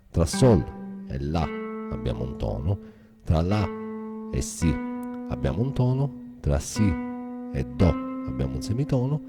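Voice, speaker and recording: Brief: very deep male guitar teacher, lively intonation, methodical, guitar heard behind. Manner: methodical, step-by-step instruction. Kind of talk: guitar lesson explanation.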